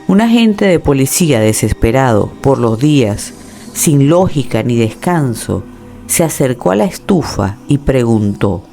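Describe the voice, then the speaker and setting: A man reading a scripted horror story in a dramatic, measured storytelling manner. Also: medium pitch, sing-song, creaky, warm tone, faint music behind.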